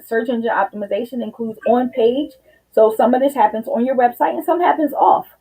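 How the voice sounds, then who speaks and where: A woman's voice: fairly high pitch, brisk, dark tone, breathy edge, poor audio. A woman hosting a live business show, talking casually and directly to viewers, a little out of breath. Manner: chatty, addresses viewers directly with "you guys". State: slightly out of breath. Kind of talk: casual live-stream talk.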